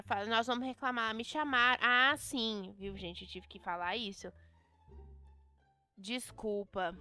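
Bright Brazilian woman narrating game role-play. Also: fairly high pitch, clean tone. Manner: dramatic, excitable, talks straight to viewers. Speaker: gaming video host.

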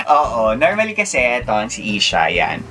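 A man's voice: medium pitch, huge pitch swings, a little slow, creaky, sharp tone, soft background music. A young Filipino man vlogging, telling stories with friends in a playful, teasing way, laughing often and mixing English into his Tagalog. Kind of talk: casual storytelling with friends.

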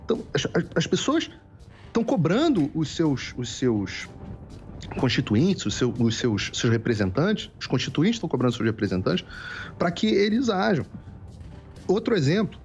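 A man's voice: a little high, big pitch swings, moderate pace, darkish tone. A man speaking as a guest commentator on a political talk show, lecturing in an emphatic way and repeating key phrases, heard over dull, lo-fi remote-call audio.

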